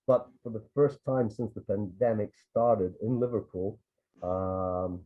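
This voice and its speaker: This man from Edinburgh, Scotland, works as a tour guide and photographer and chats in a rambling way with many restarts and asides. His lowish voice is steady and measured as he tells casual stories on a video call with tinny, phone-like sound.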